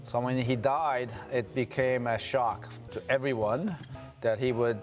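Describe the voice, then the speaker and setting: A man from Turkey, a guest in an interview, telling his story in a measured, reflective way. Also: mid-range voice, fairly even intonation, soft background music. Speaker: guest adventurer. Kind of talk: interview answers.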